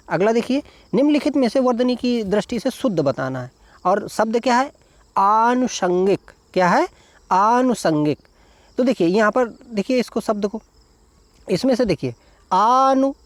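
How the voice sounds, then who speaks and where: A male teacher with a high-pitched voice leads an exam-prep lesson, walking through each answer step by step and spelling words out syllable by syllable. He keeps repeating "देखिए" and "ठीक है", and the recording has no echo.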